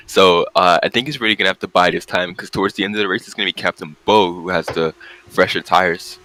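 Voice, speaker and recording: A man's voice: low-pitched, fairly even intonation, fast, pushed and bright, poor audio. A man hosting casual, chatty live commentary on a sim race.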